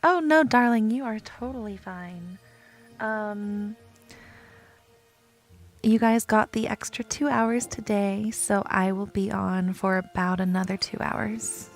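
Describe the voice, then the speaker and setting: A woman streaming a video game in a slow, unhurried and gravelly voice, giggling often and greeting viewers by name. Faint music plays behind her. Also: mid-range voice, fairly even intonation. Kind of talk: casual live-stream chat.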